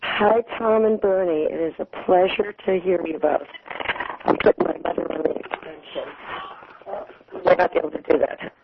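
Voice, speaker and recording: A woman from California calling in over a phone line that keeps breaking up, first on speakerphone, talking in a halting, rambling way. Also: fairly low pitch, gravelly, noisy background. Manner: halting, rambling, restarts often. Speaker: caller. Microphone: phone, speakerphone then handset. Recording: tinny, dropping phone line.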